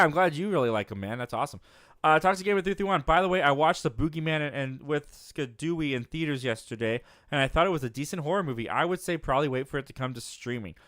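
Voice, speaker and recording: A young man in his twenties runs a casual live movie stream and chats his way through viewer comments. His slightly raised voice sounds smooth and clear. He speaks close to the mic in a dry room, and his self-deprecating asides end in little laughs. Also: fairly high pitch, a bit bright, no room sound. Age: 20s. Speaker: host of a live movie show.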